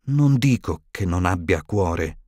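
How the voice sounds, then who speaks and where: A man voicing a stern elderly female professor in an audiobook, higher and tremulous, shaken and indignant. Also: expressive, takes it slowly, darkish tone, no echo, clean studio sound, full character voice. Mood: uneasy.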